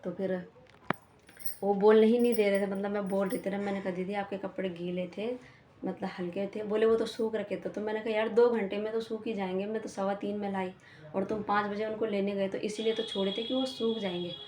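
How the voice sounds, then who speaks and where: A young woman with a Pahadi Hindi accent tells the story of a squabble in a casual, running vlog style. Her pitch stays fairly flat, and her voice sits in an echoey room with faint background noise. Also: a little fast. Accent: Uttarakhand Pahadi Hindi. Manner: chatty, retells a quarrel with many "I said" asides. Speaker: vlogger.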